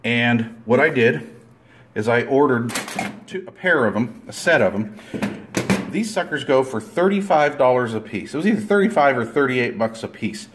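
A man explains a hands-on repair project in a loose, rambling way, often restarting his sentences. He is recorded close-up on a camera mic at an indoor table. His voice sits at an ordinary middle pitch, with faint clicks behind it. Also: lively intonation, moderate pace, a bit bright, slight background noise. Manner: rambling, plain-spoken, with fillers and restarts. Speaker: DIY video maker. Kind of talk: casual hands-on tutorial.

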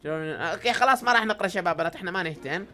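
A woman with an Iraqi Arabic accent hosting excited game commentary, with shouty exclamations. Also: fairly low pitch, very fast, over music. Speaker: gaming channel host.

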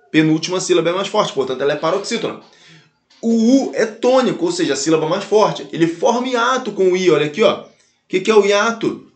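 A Brazilian Portuguese teacher with a fairly high voice and a Brazilian Portuguese accent runs an animated grammar lesson. He addresses his students directly, repeating and spelling out each example slowly to make it stick. The recording sounds echoey, like a bare room.

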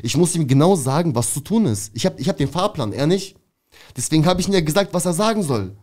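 A young man from Berlin, an interview guest telling a story in a casual, slangy and animated way. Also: on the high side, fast talker. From Berlin, Germany. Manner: slangy and animated, calls the listener "bro".

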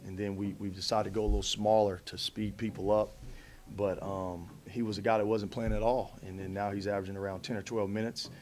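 A man in his thirties, a head coach at a post-game press conference, answering in a measured way with many fillers and restarts into a table mic. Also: on the low side, flat delivery, a little mellow. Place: press conference room in front of a backdrop. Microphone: table mic in front of him.

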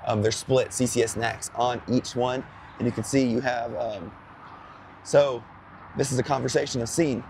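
A hoarse man who is losing his voice, co-hosting outdoors at a charging station in a chatty, rambling way. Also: medium pitch, steady tone, normal speed, a little mellow, slight background noise. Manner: chatty, rambling, full of fillers. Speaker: co-host. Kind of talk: casual explanatory chat.

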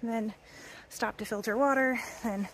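A woman in her twenties vlogs while thru-hiking a wooded mountain trail, chatting into a phone camera held at arm's length. Her voice is a little high with fairly even intonation and a slightly slow pace, full of ums and occasionally dropping to a near whisper. The audio is poor, with a little hiss or hum.

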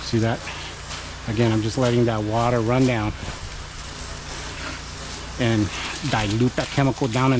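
A man hosting a work vlog, chatting and coaching viewers while he washes a house outdoors. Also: medium pitch. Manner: chatty, encouraging, talks to viewers while working. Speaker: pressure washing business owner and channel host. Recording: noisy outdoor recording.

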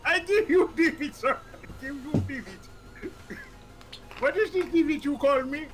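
A man's voice: very high voice, measured pace, a bit bright, soft background music. A man putting on a voice as an overly polite, pushy male shopkeeper who speaks in broken, formal phrases during a game stream. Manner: fawning, formal, broken grammar.

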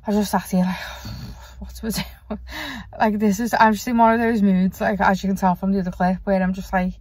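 Chatty young woman with gravelly fry. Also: mid-range voice, a little mellow, dry recording. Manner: rambling, chatty, self-deprecating, swears casually. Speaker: vlogger. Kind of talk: casual chat. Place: parked car.

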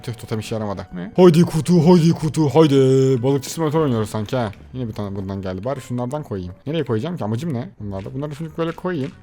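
A young man hosting a let's play video, excitably chattering to his viewers while he plays. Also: mid-range voice. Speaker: gaming channel host.

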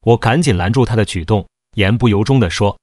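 A man narrating a first-person novel as a storyteller, in a steady, even read. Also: on the low side, fairly quick, no echo, clean studio sound.

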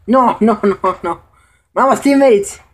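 A man giving casual live commentary over his own gameplay, excitable and prone to high shouts when things go wrong. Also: slow.

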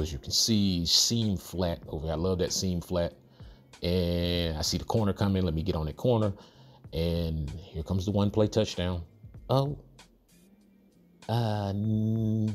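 A man's voice: low-pitched, normal speed, soft background music. A man hosting a football video game tutorial, giving casual commentary over his own gameplay with cocky, playful trash talk and chuckles.

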